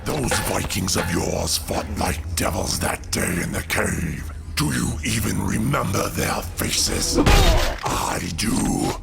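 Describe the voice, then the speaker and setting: Deep, gravelly, brooding god-killing villain. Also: male voice, big pitch swings, exaggerated voice. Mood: bitter, menacing. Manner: slow, brooding, theatrical villain monologue. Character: Gorr, grave embittered male alien god killer, menacing zealot. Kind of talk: dramatic comic-book audio drama. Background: music under the voice.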